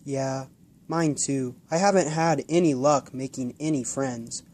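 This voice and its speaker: A man voicing a lonely, gentle little boy who talks softly and hopefully. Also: medium pitch, a little slow, a little hiss or hum, close to an everyday voice. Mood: wistful. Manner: eager, hopeful, soft.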